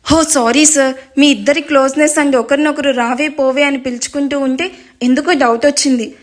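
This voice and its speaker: Brief: a woman doing a bashful, polite young woman in an audio story, high voice. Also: fairly even intonation, moderate pace, lightly acted.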